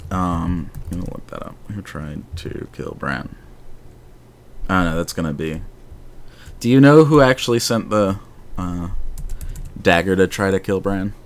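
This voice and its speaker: Deep male podcast host, casual fan-chat delivery, rambling and animated. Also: a little slow, pauses often.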